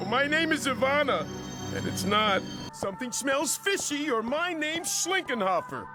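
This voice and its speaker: A man voicing a small, timid male cartoon dog in a squeaky, fretful voice, over loud cartoon music. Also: big pitch swings, a little slow, heavily acted. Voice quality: squeaky, shrill. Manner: fretful, wailing. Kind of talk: cartoon voice acting. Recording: clip with loud music behind.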